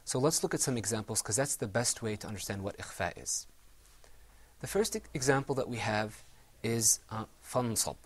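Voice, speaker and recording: A man's voice: lowish voice, lively intonation, slightly rough. A man teaching Quran recitation rules to a small class, patiently modeling sounds and encouraging students. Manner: encouraging, drawn-out modeling of pronunciations.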